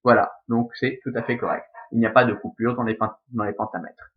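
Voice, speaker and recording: A Latin teacher explains verse metre step by step, counting aloud and checking that his students follow. His voice sits at an ordinary middle pitch. The recording sounds a little muffled and lo-fi. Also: steady tone, fairly quick. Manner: methodical, counts aloud, frequent "ok?" and "hop". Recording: slightly dull lo-fi recording.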